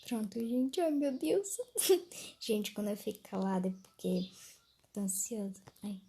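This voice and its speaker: Brief: Brazilian woman narrating her gameplay, husky and unhurried, nervous exclamations and whispers. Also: fairly high pitch, big pitch swings, warm tone. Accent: Brazilian Portuguese. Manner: jumpy, nervous exclamations, often drops to a whisper. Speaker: gaming youtuber. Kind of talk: let's play commentary.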